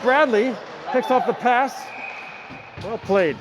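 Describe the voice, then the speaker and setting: A middle-aged man doing amateur live play-by-play of a hockey game at an ice rink, rattling off the action and dropping in relaxed, chatty asides. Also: extremely high pitch, slow pace, music in the background. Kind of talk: amateur live sports commentary.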